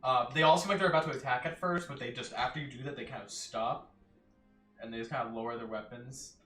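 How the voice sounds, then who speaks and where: A man's voice: mid-range voice, fast, fairly bright tone. A man running a tabletop game as game master, narrating casually. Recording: roomy, distant mic, music behind.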